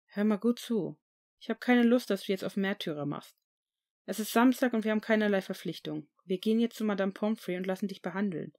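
A woman's voice: mid-range voice, a little fast, a little mellow, close to an everyday voice. Caring teen boy wizard, earnest and plain; woman reader's own voice.

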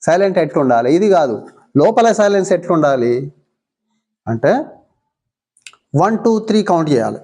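A woman's voice: lowish voice, very animated, moderate pace, pauses often, mellow, slightly rough. A woman with a Telangana Telugu accent teaching young schoolchildren in a classroom, coaxing them with many short questions. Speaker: visiting mindfulness teacher.

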